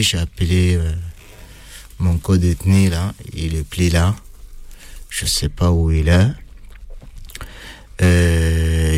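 Recounting his time in prison, a deep-voiced, slightly mellow man answers interview questions in French with a foreign accent. His casual testimony comes out haltingly, broken by frequent pauses and filler sounds.

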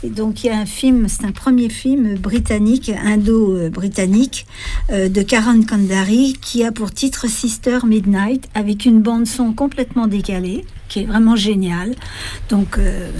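A woman panelist giving recommendations in casual radio chat, halting as she searches for words. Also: mid-range voice, mellow.

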